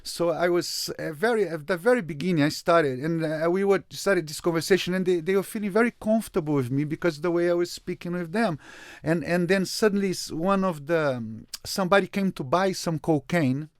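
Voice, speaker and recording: With a fairly high pitch and a brisk pace, a Brazilian photographer tells an animated story as an interview guest, often doubling back on words and restarting sentences. The studio sound is clean, with no room sound.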